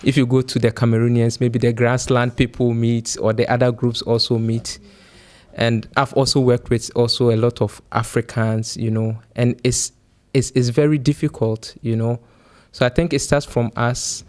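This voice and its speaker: A man speaking on a panel in a steady way, often repeating words. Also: medium pitch, moderate pace. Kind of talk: panel discussion.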